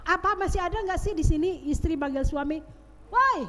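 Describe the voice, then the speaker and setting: A woman's voice: extremely high pitch, fairly quick, a bit bright. A woman church elder preaching a sermon and leading prayer, emphatic and rising sharply on her key points. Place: church sanctuary. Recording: long church reverb.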